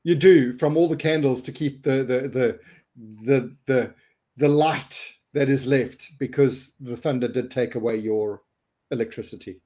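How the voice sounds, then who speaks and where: A man's voice: mid-range voice, measured pace, dark tone. A middle-aged man hosting a casual live webinar, joking and laughing, sometimes stumbling over repeated words. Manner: jokey, laughing, repeats words when flustered. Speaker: host.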